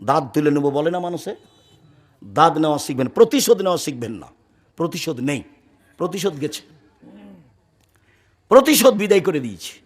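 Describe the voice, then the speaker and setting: High-pitched guy preaching a friday sermon, hard and loud, then drops way down quiet. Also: big pitch swings, moderate pace, long pauses. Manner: forceful, swings between loud declaiming and low murmurs; speaks firmly and loudly by habit.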